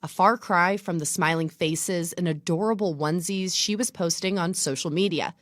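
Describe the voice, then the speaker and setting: A woman TV news reporter narrating a scripted story in a measured way. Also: fairly low pitch, dry recording, clean studio sound.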